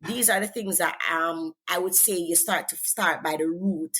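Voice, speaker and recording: A woman with a Jamaican accent appears as a guest author in a faith-based interview, offering encouraging, faith-centered advice. Her voice is on the low side, pushed and bright, at a normal speed, and she is earnest, repeating words as she thinks.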